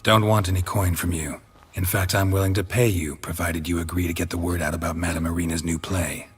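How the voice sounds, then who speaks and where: A man playing a gruff, laconic monster hunter for hire in a video game, terse and deadpan. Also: deep voice, fairly quick, natural voice. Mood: matter-of-fact.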